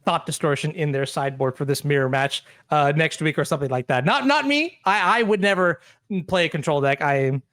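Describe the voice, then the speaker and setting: A young man co-commentating a live card game match in a high voice. He gets excited and stumbles over restarts. The sound is dry and close, with no room echo. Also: fairly quick. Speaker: tournament co-commentator.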